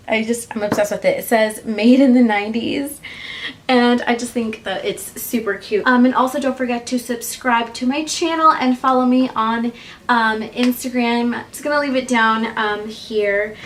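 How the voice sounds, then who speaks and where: A woman in her twenties, from Guatemala, talks casually to her viewers with frequent fillers and laughs. Her voice sits a little high and sounds slightly distant from the microphone, with a faint hiss of room noise underneath. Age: 20s. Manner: chatty, with frequent ums and laughs. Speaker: YouTuber. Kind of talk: casual chat to camera.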